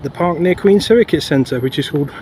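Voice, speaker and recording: He's a travel vlogger giving casual commentary on foot through town and along a park walkway, panting and rambling with many fillers. His voice is slightly high, a little mellow, and a touch fast. Street traffic and city sounds fill the background of the outdoor recording.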